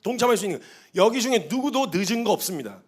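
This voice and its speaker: This male missionary speaks fast in a high voice as he delivers a sermon to a congregation sitting in church. He narrates with lively energy and performs the quoted lines.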